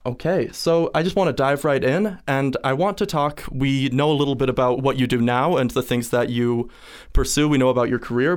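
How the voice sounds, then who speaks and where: A young man hosting a student interview podcast. He talks quickly and upbeat, reading a formal introduction before his questions. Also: mid-range voice. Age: young adult.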